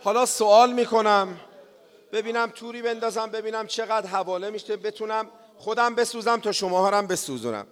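A man giving a mourning sermon, chanting the story and rising into wailing shouts. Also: sits high. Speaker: mourning preacher. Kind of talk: lamenting religious sermon. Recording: reverberant hall.

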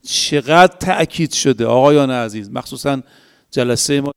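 A man's voice: medium pitch, creaky, clean tone. A man preaching a sermon to a congregation. He tells stories and recites scripture, and he speaks emphatically, often addressing his listeners directly. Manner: storytelling with recited Arabic scripture.

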